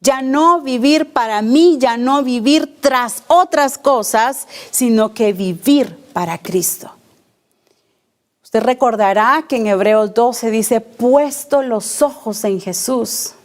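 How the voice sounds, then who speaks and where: Slow, deliberate woman preaching. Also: a little high. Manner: slow, deliberate delivery, repeating key phrases; asks the congregation rhetorical questions. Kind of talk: sermon at a church service. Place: church service.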